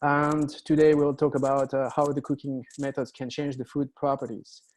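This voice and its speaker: A middle-aged man from France with a French accent, giving a webinar lecture over a computer mic and pausing often with "uh". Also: mid-range voice, little pitch movement, a little mellow. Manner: hesitant, many "uh" fillers. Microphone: computer mic on a video call.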